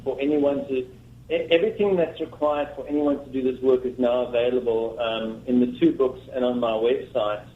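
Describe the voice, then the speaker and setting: A man talks from a room at home in a slow, measured, teacherly way, his voice ringing with a strong echoey room sound. The line comes through a little dull and muffled, like a remote call. He sounds like a guest explaining his method on an interview show. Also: medium pitch. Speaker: guest, founder of a self-help method.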